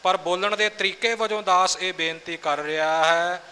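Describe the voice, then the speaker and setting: A man teaches the pronunciation of verses and repeats each tricky word slowly so it sticks. His voice is bright and a little high, and a long hall echo surrounds him with faint noise behind. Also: steady tone, clear, resonant tone. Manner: patient, explanatory, repeats words to demonstrate. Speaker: recitation teacher. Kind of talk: pronunciation instruction.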